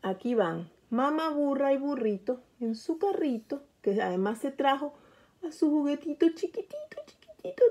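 A woman reading a picture book aloud to children, gently asking the young listener questions. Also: high voice, muffled recording. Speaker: storyteller.

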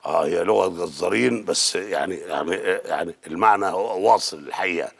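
A sarcastic TV interviewer with an Egyptian accent, speaking in a low, gravelly, husky voice. He is mock-formal and probing. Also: quick pace, full character voice. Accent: Egyptian Arabic. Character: ironic TV interviewer, mock-polite. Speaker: actor. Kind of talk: TV comedy series acting.

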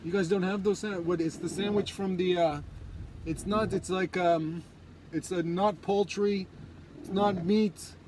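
Man, 30s, high voice, halting but insistent drive-thru customer, faint car noise behind. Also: steady tone. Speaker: prank caller at a drive-thru. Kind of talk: prank ordering at a drive-thru. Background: car and outdoor ambience.

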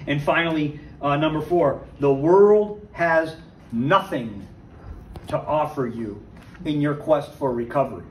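A man giving a conversational Bible teaching to a recovery group, lively and full of rhetorical questions. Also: a little high, unhurried. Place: church meeting room. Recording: echoey church room, distant mic, faint hiss.

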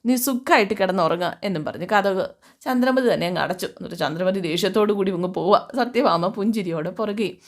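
A woman's voice: medium pitch, brisk. Chatty woman storyteller. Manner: chatty, addresses listeners with tag words. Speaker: storyteller recapping a serial. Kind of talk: casual story narration.

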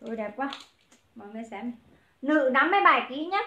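A woman selling clothes on a livestream, briskly calling out prices and greeting viewers by name. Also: high voice, lively intonation, pushed and bright, echoey room, lo-fi sound. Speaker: online clothing seller. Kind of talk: livestream sales pitch.

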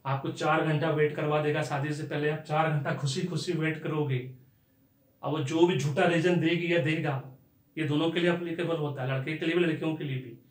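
A man's voice: on the high side, steady tone, moderate pace. A male lecturer giving a conversational life-skills lesson, asking rhetorical questions and mixing in English phrases. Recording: roomy echo.

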